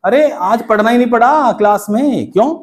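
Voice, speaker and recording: A man's voice: very high voice, animated, normal speed. A middle-aged man with an Indian accent teaching English in a class, chatty and scolding with jokes. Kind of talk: classroom lecture.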